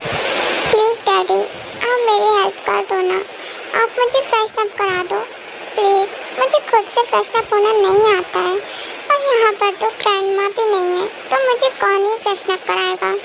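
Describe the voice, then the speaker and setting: A woman's voice: very high voice, a little slow, gravelly, heavy background noise, full character voice. Woman doing a whiny childlike young wife. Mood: pleading. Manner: pleading, babyish talk about herself by name.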